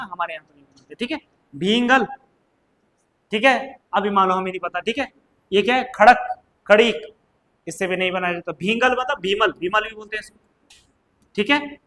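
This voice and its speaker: A man's voice: sits high, fairly bright tone, poor audio. A man teaching an exam coaching class in a classroom, explaining practice questions in a chatty way and checking in with his students. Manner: mixes Hindi explanation with read-out English.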